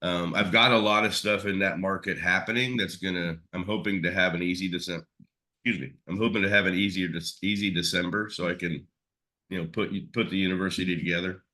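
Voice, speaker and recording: A man's voice: deep voice, fairly even intonation, a little fast, pushed and bright. A man talking casually as an interview guest, rambling with many fillers and restarts. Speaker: SEO expert guest.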